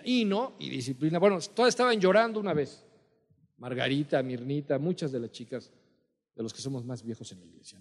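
A middle-aged male pastor delivers an earnest, emphatic sermon, circling back to repeat his key lines. His voice sits a little high for a man. The sound rings with the long reverb of a large hall. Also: darkish tone. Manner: earnest, emphatic preaching with repetitions.

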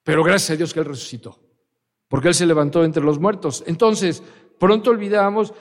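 Emphatic male preacher, higher-pitched voice, questioning the congregation; recorded in an echoing church hall. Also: fairly quick. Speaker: pastor. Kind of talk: sermon.

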